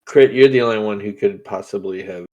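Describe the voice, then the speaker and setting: A man with a fairly low voice runs a tabletop game as its game master. He sounds easygoing and keeps breaking into laughs as he guides the players. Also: brisk, darkish tone, muffled recording.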